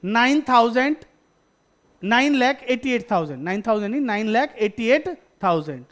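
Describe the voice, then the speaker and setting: A man's voice: very high-pitched, lively intonation, moderate pace, a bit bright. A man teaching a class, who keeps asking his students questions, answers them himself, and calls them "beta". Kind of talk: classroom lecture.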